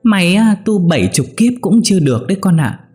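A man voicing a sharp-tongued old village mother-in-law, scolding in a shrill, shrieking voice. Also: expressive, fairly quick, faint music behind. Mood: scornful scolding.

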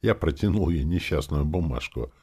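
A man with a very low voice narrates a first-person audiobook. His pitch moves widely and his delivery is wry and expressive. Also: normal speed, husky.

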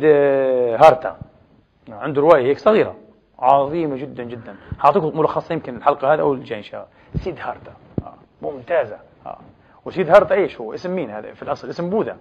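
A man giving a lecture on religious history, who keeps posing quick rhetorical questions and answering them himself. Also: on the high side, slightly rough, highs cut off.

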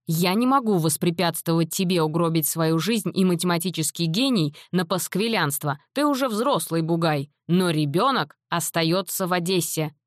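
Stern, hot-tempered dad, read by a woman narrator: loud, slow, emphatic lines, low-set voice. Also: no echo, clean studio sound, natural voice. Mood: angry. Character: stern Soviet father, middle-aged man, quick-tempered.

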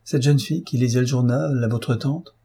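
A man reading aloud and voicing a polite, composed young painter with measured replies. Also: medium pitch, fairly even intonation, creaky, warm tone, breathy edge. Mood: curious.

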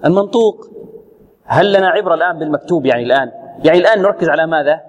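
A man's voice: on the high side, dull audio. Man teaching with hall reverb. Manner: quizzing, answers his own questions, models pronunciation slowly. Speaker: Quran recitation teacher. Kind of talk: classroom lesson with questions to students. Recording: long reverb, hall-like room.

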